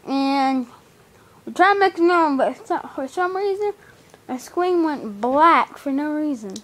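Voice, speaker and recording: A woman's voice: high voice, expressive, a little slow, a bit bright. A young woman chatting casually with a friend, talking with gum in her mouth.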